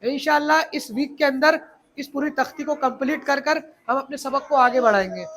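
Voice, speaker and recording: A man's voice: very high-pitched, normal speed, fairly bright tone. A male teacher explaining Arabic letters to a class of children, often asking them questions and repeating key points.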